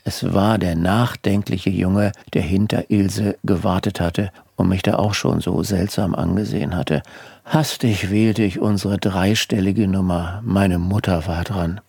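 A man's voice: low voice, fairly even intonation, unhurried, creaky, darkish tone, slightly rough, no room sound. A man narrating a first-person story in a dry, wry tone. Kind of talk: audiobook storytelling. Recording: dry close studio recording.

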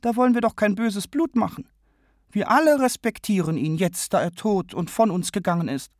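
Man doing a high, coaxing Irish canvasser. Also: moderate pace, a little mellow, dry recording, clean studio sound, natural voice. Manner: eager, coaxing, peacemaking. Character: conciliatory Irish political canvasser, middle-aged man.

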